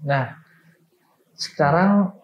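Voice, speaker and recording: A man's voice: on the high side, extremely slow, muffled recording. A man interviewing a guest, asking brief questions and prompting him to go on.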